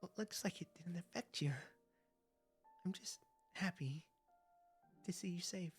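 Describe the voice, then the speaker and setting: Gentle dying sea creature lady for a video game, real slow n husky, voice wavering. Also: lowish voice, soft background music. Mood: fragile, resigned. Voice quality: breathy, wavering. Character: dying female sea creature Lamia, fragile, wistful, gentle.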